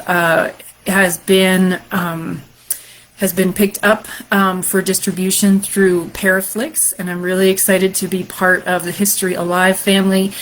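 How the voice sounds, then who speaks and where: A woman host and storyteller with a deep, sultry voice, chatting casually on a live stream in a rambling way. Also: low-quality recording. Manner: chatty and rambling, many fillers.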